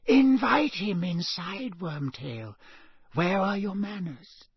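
A man voicing a cold, menacing, inhuman dark lord in an audiobook, with a breathy hissing voice and slow, imperious delivery. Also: high-pitched, expressive, no echo, studio quality, voice pushed up, full character voice. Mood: cold, commanding. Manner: slow, drawn-out, coolly imperious. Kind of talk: audiobook character voice.

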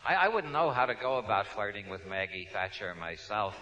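A man with a New York accent and a lowish voice gives a humorous talk to an audience, wry and digressive, often restarting his sentences. His delivery is brisk, very animated, pushed and bright. The recording is dull and lo-fi.

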